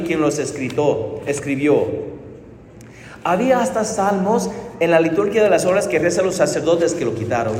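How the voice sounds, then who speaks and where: Earnest high-voiced preacher in an echoey church. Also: male voice, slight background noise. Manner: earnest, pleading, shifts between soft and emphatic. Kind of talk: sermon. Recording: echoey hall, heard from a distance.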